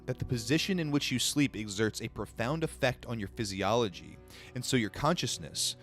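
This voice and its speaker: On a livestream, a young man with a lowish voice reads a spiritual book to viewers, occasionally tripping over words. He pauses the reading to chat with his audience in a casual, blunt, profane manner, while faint music plays in the background.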